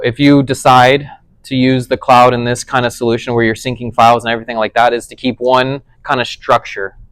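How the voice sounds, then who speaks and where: Smooth-voiced man teaching a tech class. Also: medium pitch, no room sound, rough recording. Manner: conversational, checks understanding with frequent "does that make sense". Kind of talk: casual explanatory teaching.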